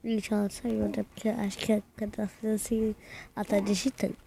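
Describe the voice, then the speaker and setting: A teenage girl vlogging in casual chat, recounting a prank in a rambling way and talking fast by her own account. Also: mid-range voice, little pitch movement, creaky, noisy background.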